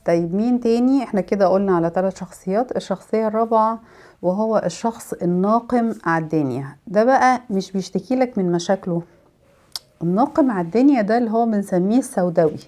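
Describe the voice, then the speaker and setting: A woman with an Egyptian accent giving a life-advice talk, explaining in an animated way. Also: medium pitch, quick pace. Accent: Egyptian Arabic. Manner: explanatory, animated, acts out examples.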